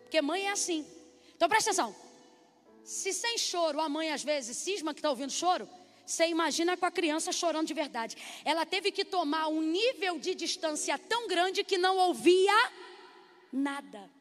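Lady preaching, really high voice, gets the crowd saying amen, echoey hall. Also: normal speed. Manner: animated, calls for congregation responses. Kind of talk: sermon. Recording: long reverb hall, faint music.

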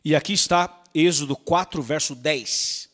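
A man preaching a sermon as pastor, lively and theatrical, acting out the quotes he tells. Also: on the high side, unhurried.

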